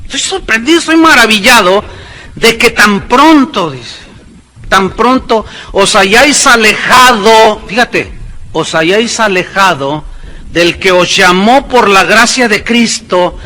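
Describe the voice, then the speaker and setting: A man preaching a sermon as a pastor, with sarcastic asides and quick mimicking voices. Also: sits high, animated, sharp tone, rough recording.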